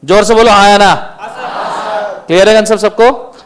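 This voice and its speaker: Strict high-voiced male lecturer. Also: fairly even intonation, normal speed, a little hiss or hum. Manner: strict, scolding students, firing questions at the class. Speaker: law lecturer. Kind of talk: classroom lecture. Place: classroom.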